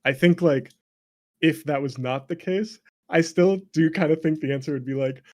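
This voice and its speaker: Pitched on the high side, this man talks as a game developer guest in a relaxed conversation. His manner is open and lively, and he's quick to break into laughter.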